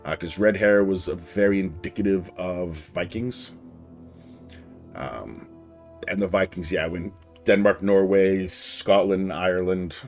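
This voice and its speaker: A man's voice: low voice, slow pace, soft background music. A man streaming a game live, chatting casually and rambling off on tangents as he answers his chat.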